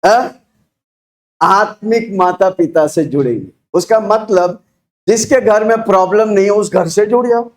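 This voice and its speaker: Male Indian preacher, high register, booming exhortation, repetitive call-and-response sermon with rhetorical questions. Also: unhurried. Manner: booming, exhorting delivery with shouted prompts for the congregation to repeat; repeats phrases and fires rhetorical questions at listeners. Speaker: preacher leading a church congregation.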